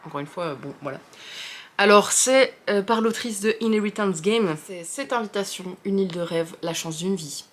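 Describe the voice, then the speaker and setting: A woman's voice: mid-range voice, normal speed. A young woman with a French accent chatting casually about books she likes, rambling with many fillers and restarts and poking fun at herself. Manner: self-deprecating, chatty. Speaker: book video host.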